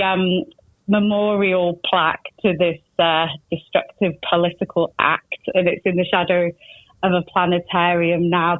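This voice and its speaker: A woman's voice: fairly low pitch, no echo. A woman telling chatty stories as a guest on a podcast interview. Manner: chatty storyteller. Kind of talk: casual interview chat. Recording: tinny phone line, dry.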